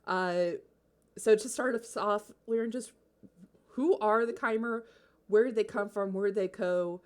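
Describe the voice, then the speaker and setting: A woman's voice: mid-range voice, measured pace, a little mellow. A woman hosting a casual podcast chat, playful and teasing. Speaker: podcast host.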